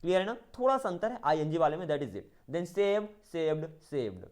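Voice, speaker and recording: High-voiced teacher. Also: male voice, big pitch swings, unhurried, a little mellow. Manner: recites verb forms in a singsong rise and fall; explains in mixed Hindi and English, asking if it is clear. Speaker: English teacher. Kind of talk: online spoken-English class.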